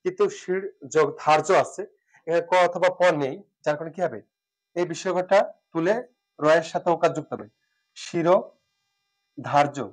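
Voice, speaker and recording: A man teaching spelling rules who speaks, repeats words, pauses with fillers and asks and answers his own questions. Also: fairly high pitch. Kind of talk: classroom lesson.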